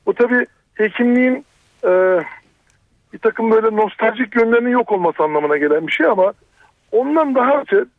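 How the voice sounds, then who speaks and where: A man's voice: high-pitched, animated, fairly quick, no room sound. A man calling a phone-in show by telephone, arguing his point. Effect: over a telephone. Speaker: phone-in caller, doctor. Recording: tinny, narrow phone line.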